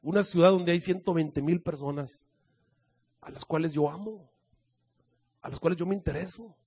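Man voicing a calm, patient God. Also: on the high side, moderate pace, breathy edge. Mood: gentle reasoning. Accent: Mexican. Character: patient, gently reasoning God speaking to a prophet.

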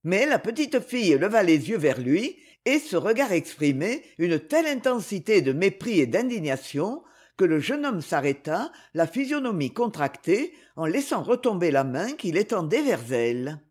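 Expressive woman narrating a novel. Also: fairly low pitch, husky. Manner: measured, expressive reading. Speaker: audiobook narrator. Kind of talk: scripted narration.

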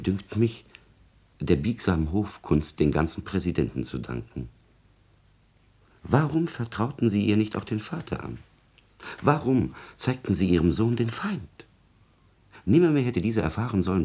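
In a classical radio drama, an actor plays a servile, scheming court secretary, formal and obsequious as he insinuates and calculates. His male voice sits low, warm and husky, exaggerated in performance, and he sounds smoothly persuasive.

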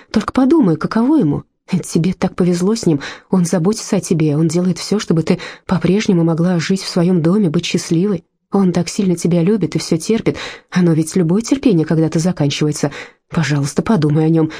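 A woman's voice: fairly low pitch, dark tone, breathy edge. A woman voicing a caring but insistent female friend in an audiobook, pleading and persuasive. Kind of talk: audiobook character voice.

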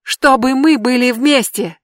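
A reader voicing a desperate, unhinged woman who shrieks her lines in a high, frantic voice. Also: measured pace, no room sound, studio quality. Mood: pleading.

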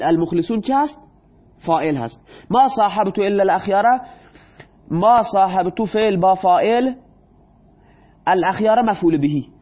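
A male teacher who explains grammar in Persian, asks his students questions and answers them himself, and reads the example sentences slowly. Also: high-pitched, dull audio.

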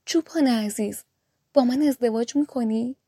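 A woman's voice: fairly high pitch, dark tone, slightly rough, no room sound, clean studio sound. A woman reading the lines of a wise, defiant young noblewoman in a storybook, firm and outspoken. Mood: gentle.

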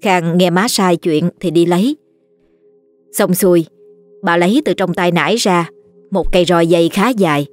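A woman with a Southern Vietnamese accent narrating a ghost story in a steady, plain way. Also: lowish voice, normal speed, long pauses, soft background music.

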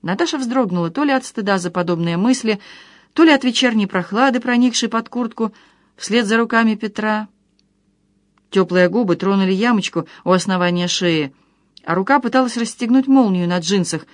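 A woman's voice: mid-range voice, moderate pace, dry recording. Woman narrating an audiobook in a dry voice.

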